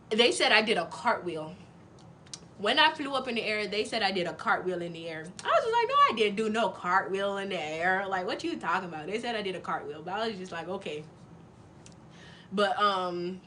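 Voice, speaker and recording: A woman's voice: mid-range voice, a little hiss or hum. A young woman telling a personal story in a casual, chatty vlog, full of fillers. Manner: chatty and animated, with many fillers. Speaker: vlogger.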